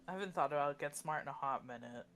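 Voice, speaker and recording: A woman in casual chat, relaxed and easily amused. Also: deep voice, quick pace, gravelly.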